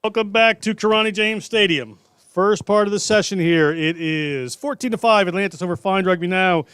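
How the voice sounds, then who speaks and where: A man calling live rugby play-by-play in a brisk, jokey way. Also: sits high, a bit bright, clean tone, no echo, clean studio sound. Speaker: play-by-play commentator.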